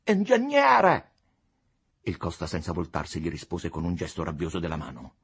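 Husky, expressive male audiobook narrator. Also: extremely low pitch, fast. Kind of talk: scripted literary narration.

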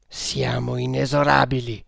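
A man's voice: medium pitch, little pitch movement, a little slow, gravelly, a bit bright, no echo, clean studio sound, exaggerated voice. A man voicing a cruel, fanatical male temple priest in an audiobook, speaking sternly and without mercy. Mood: implacable. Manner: stern, implacable, menacing. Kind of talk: audiobook character reading.

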